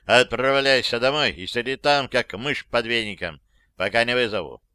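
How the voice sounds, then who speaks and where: A man voicing a stern male colonel in an audiobook, barking gruff orders. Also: mid-range voice, moderate pace, bright, forceful tone, dry recording, lightly acted. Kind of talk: audiobook reading.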